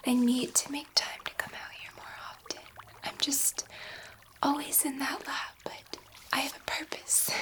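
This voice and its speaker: Whispering tenderly, a woman takes the role of a gentle alien scientist full of awe in a sci-fi ASMR roleplay, reassuring the listener between halting pauses. Her soft, breathy voice is high, and she comes across as awed and earnest.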